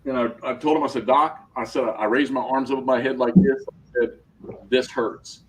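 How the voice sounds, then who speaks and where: A man's voice: mid-range voice, steady tone, moderate pace, slight background noise. A man in his fifties chatting casually with friends, telling long stories and laughing at his own jokes. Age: 50s. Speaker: tabletop gaming group member. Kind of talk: casual chat.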